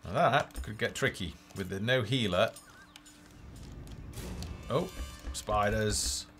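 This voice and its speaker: A game developer streams a play-through, speaking slowly in a fairly low, slightly bright voice. He thinks aloud in half-muttered, casual asides, with game music and unit voices playing behind him.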